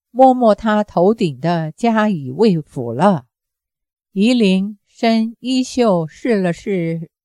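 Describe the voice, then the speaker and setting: A woman narrates a novel at a slow, deliberate pace in an even, measured storytelling voice. Her tone is mellow and dark rather than bright. The recording is close and dry, with no room sound. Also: mid-range voice, no echo. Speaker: audiobook narrator. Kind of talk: novel reading, steady narration.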